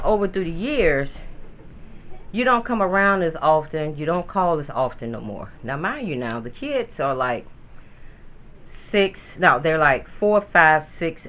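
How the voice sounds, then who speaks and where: In a low, fairly bright voice, a grandmother vlogger in her fifties speaks casually to the camera from her home. She's talkative and wanders from topic to topic, addressing her audience directly.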